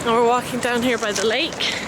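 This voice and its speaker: A woman vlogger talks in a casual, chatty way. Her voice is pitched a little high, and clear street and outdoor noise with traffic runs behind her. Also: fairly even intonation, fairly quick. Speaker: family vlogger. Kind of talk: casual vlog chat. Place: outdoors in town and by a lake.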